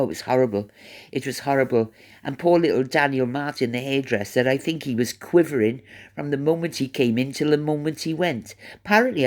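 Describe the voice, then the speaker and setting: The channel host, who has a Welsh accent, rambles loosely through the day's gossip to camera at an ordinary middle pitch. The chat is stop-start, often doubling back and repeating words as thoughts form out loud.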